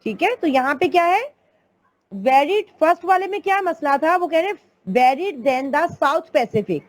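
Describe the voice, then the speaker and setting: A woman's voice: sits high, expressive, measured pace. A woman teaching an online English grammar class, explaining patiently step by step and calling her students "beta".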